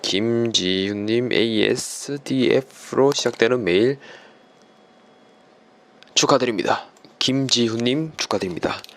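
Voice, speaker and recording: A man's voice: medium pitch, brisk, fairly bright tone. A man hosting a YouTube channel, presenting a giveaway winner announcement in polite, formal phrasing.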